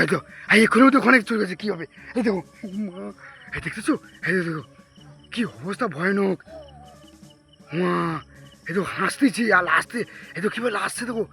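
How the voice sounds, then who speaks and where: A man's voice: sits high, creaky, pushed and bright. A man filming a ghost-hunting vlog, talking to his viewers as friends with jumpy, frightened exclamations. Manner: jumpy, frightened exclamations, repeated calls of mother. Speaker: vlogger.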